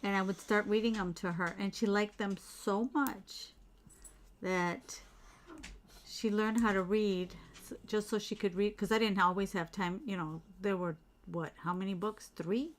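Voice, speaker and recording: Middle-aged lady rambling at home, real slow easy talk, bit of hiss and clicks. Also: mid-range voice, fairly even intonation. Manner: chatty, rambling, reads out viewer comments. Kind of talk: casual livestream chat while beading.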